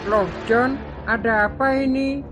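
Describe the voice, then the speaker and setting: A woman's voice: a little high, fairly even intonation, a little slow, close to an everyday voice. A woman voicing a nosy, chatty neighborhood chief who talks with incredulous fuss, over music. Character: fussy nosy neighborhood chief, middle-aged man. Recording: clear music bed behind voice.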